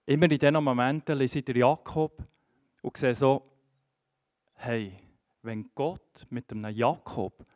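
A man's voice: mid-range voice, a little slow, long pauses, a little mellow. A man giving a candid personal testimony on a church stage.

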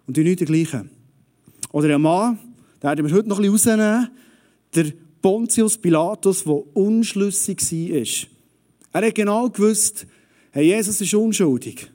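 A man preaching a lively, conversational sermon straight to the audience. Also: sits high, a little slow.

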